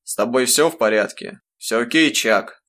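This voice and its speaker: A man's voice: mid-range voice, moderate pace, a bit bright, lightly acted. A man voicing a hot-tempered, brutal father who barks harshly in an audiobook. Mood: gruff. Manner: barking, harsh.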